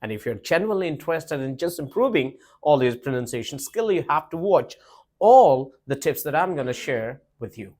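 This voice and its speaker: A man gives a pronunciation lesson. He is emphatic and repeats himself. He keeps asking the listener questions, and his pitch rises and falls in a lively way. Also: normal speed. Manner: emphatic, repeats points, asks rhetorical questions. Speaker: English teacher. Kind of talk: spoken English lesson to camera.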